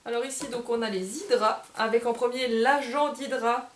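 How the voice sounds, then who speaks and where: A woman's voice: on the high side, fairly even intonation, moderate pace. A woman hosting a casual unboxing video for a game bar, chatting and hesitating as she sorts through cards. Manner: chatty, hesitant, self-correcting while handling cards. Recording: roomy with faint background noise.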